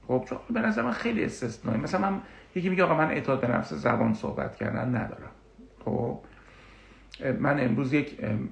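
A man working as a coach gives an explanatory talk on confidence, animated and full of personal examples. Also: medium pitch, gravelly. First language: Persian. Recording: echoey room.

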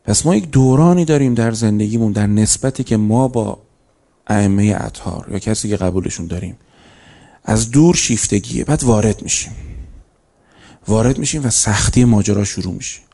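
Gravelly, mellow-voiced male lecturer. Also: on the low side. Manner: conversational, storytelling, rises into emphatic bursts. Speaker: lecturer on religious ethics. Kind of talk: religious lecture to a live audience. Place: lecture hall.

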